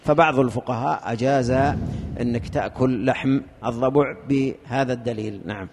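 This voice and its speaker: A man explaining a legal text in a lesson, with a halting manner, repeating words as he searches for terms. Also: medium pitch, background noise. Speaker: teacher explaining a fiqh text. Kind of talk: lesson commentary. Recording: long reverb of a hall.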